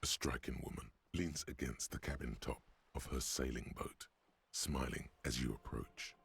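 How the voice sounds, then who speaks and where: An actor voicing a game's male narrator, deep and gravelly, with a husky, wry, ominous delivery over faint music. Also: moderate pace, full character voice. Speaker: game narrator.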